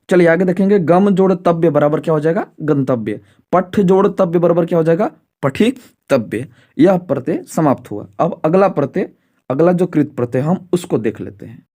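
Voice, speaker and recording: Man, fairly high voice, Sanskrit teacher, exam prep, answers his own questions, slows down for examples. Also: mellow. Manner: repeats rhetorical questions and "ठीक है" to check understanding; slows to spell out word forms.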